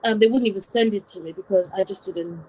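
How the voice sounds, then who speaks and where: A woman guest reflectively recounts her life step by step, having been born in Wales and raised in Nigeria from about nine. She speaks fast in a medium-pitched, mellow, slightly rough voice, and the audio is poor.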